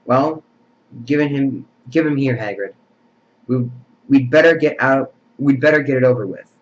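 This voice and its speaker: A man's voice: medium pitch, moderate pace, slight background noise, natural voice. A man voicing a big, shaggy, tearful half-giant who stammers and sobs in a raised voice, on a dull lo-fi recording. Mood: gruff.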